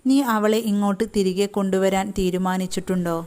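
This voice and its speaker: A woman voicing a sad but resolute second wife who asks plain, steady questions. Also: mid-range voice, a little fast, lightly acted.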